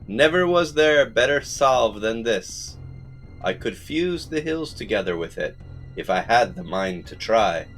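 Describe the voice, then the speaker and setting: A man voicing an eager, proud young son in a storybook reading, pitching his voice up. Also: animated, unhurried, a bit bright, faint music behind.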